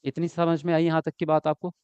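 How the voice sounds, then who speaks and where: Lively male teacher giving an online lesson. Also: on the high side, brisk, clean tone, dry recording. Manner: lively, repeats words and asks students if they follow. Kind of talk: online exam-prep lecture.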